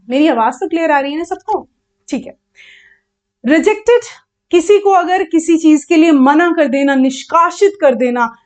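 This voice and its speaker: A woman with an Indian accent teaching English vocabulary online, explaining each word and asking the class questions as she goes. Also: high voice.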